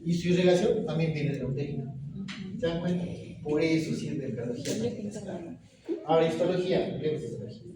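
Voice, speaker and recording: A man's voice: a little high, fast, a crowd in the background. A man giving a medical lecture in a classroom, often asking the students whether they follow. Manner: questioning, checks understanding often. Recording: echoey room from far off, noisy.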